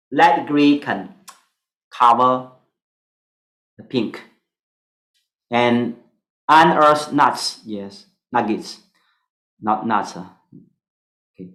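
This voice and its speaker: A Singaporean-accented man whose first language is Mandarin teaches an online stock analysis class in halting English packed with fillers. His voice is mid-range, and the audio is poor with a roomy sound.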